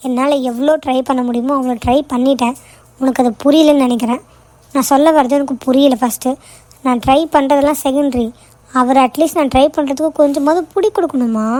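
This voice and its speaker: Cartoon role: woman playing a young daughter, high voice, exasperated and snappy, dry close sound. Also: darkish tone, no echo, close to an everyday voice. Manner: exasperated, complaining, argumentative. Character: young woman, frustrated, quick to snap. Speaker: daughter working in an office. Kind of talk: cartoon voice acting.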